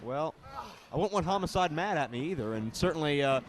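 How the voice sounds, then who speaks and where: A man's voice: a little high, lively intonation, brisk. A man working as a wrestling play-by-play commentator, calling the match live in emphatic, clipped phrases. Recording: noisy arena recording.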